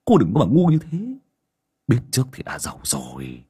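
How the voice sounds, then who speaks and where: A harsh young husband snaps at his wife, scolding and cursing with open scorn, as a narrator puts him on. His voice swings between low mutters and sharp raised jabs. The tone is husky. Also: wildly swooping pitch, moderate pace, full character voice. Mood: scornful. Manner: scolding, contemptuous.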